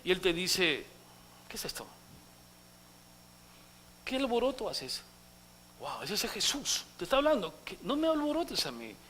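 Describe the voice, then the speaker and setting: A male pastor preaching a sermon dramatically, acting out quotes and swinging from loud outbursts to hushed asides, in a church. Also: a little high, a little hiss or hum.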